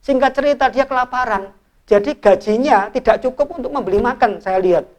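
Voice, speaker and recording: A middle-aged man, an evangelist, retelling a Bible parable in an informal, animated way as he draws lessons from it. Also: very high voice, a little fast. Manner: animated storyteller, informal, restarts and fillers. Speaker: evangelist and ministry leader. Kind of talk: sermon-style Bible storytelling in a discussion.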